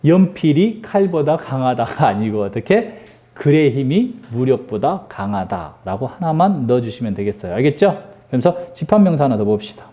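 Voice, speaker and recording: A man's voice: medium pitch, big pitch swings, moderate pace, mellow, muffled recording. A middle-aged man teaching an English grammar lesson, joking and teasing his students with constant rhetorical questions. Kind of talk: lively classroom lecture.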